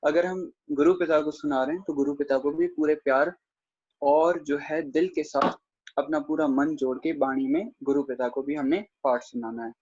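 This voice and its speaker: Man, online pronunciation lecture, slightly raised pitch, careful syllable-by-syllable delivery, muffled video-call audio. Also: steady tone, darkish tone, slightly rough. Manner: slow, careful syllable-by-syllable demonstration; addresses the congregation respectfully. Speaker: Gurbani grammar teacher. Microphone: video call microphone.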